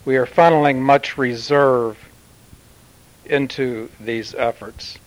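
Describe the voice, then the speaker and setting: A man channeling a slow, solemn Martian commander. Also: mid-range voice, fairly even intonation, lightly acted, low-quality recording. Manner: formal, measured pronouncements with long pauses. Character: solemn male Martian commander addressing Earth. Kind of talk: channeled spiritual message.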